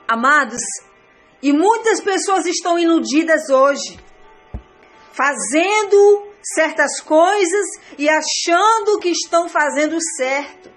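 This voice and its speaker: A woman's voice: very high voice, lively intonation, slow, fairly bright tone, faint music behind. A woman pastor with a Brazilian Portuguese accent, preaching a sermon earnestly, repeating phrases and calling her listeners beloved.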